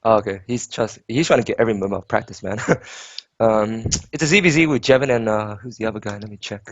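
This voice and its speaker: A man doing casual live esports commentary, chatty and joking, quick to laugh. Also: on the low side, a little hiss or hum. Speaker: esports caster. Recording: dull, slightly lo-fi, dry.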